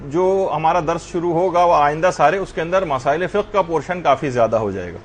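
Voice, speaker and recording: A man's voice: a little high, animated, a little hiss or hum. A man teaching a religious class, lecturing earnestly and addressing his students directly.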